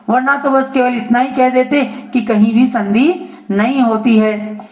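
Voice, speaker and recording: A woman teaches a grammar lesson at a slow, deliberate pace, drawing out each example. Her voice sits a little high. The recording is echoey and dull, like lo-fi online class audio. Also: a little mellow.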